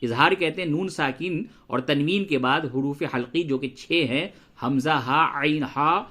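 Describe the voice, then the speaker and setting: High bright-voiced man teaching Quran recitation. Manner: slow drawn-out recitation of verses between brisk explanations; addresses listeners as brother, repeats sounds for drilling. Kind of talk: tajweed lesson, explaining and reciting.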